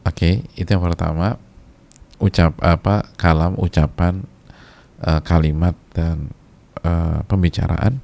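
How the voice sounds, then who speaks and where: A man's voice: low voice, steady tone, slow pace, vocal fry, pauses often, darkish tone. A man preaching a casual sermon to a congregation of women, repeating key phrases for emphasis, mixing in Arabic, with chatty colloquial asides. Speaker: Islamic preacher.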